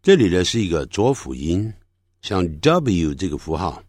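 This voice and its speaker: A man leads a pronunciation lesson, lingering on each sound and repeating it in slow drills. His pitch sits low but swings widely as he demonstrates. The recording is dry and close, with no room sound. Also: big pitch swings, a little mellow, slightly rough, no echo. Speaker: language teacher.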